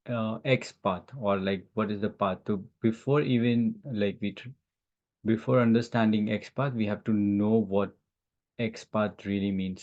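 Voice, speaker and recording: A man with a fairly low voice teaches an informal live software lesson over an online class call, sharing his screen. He speaks haltingly, thinking aloud as he demonstrates. The call audio sounds dull, lo-fi and dry.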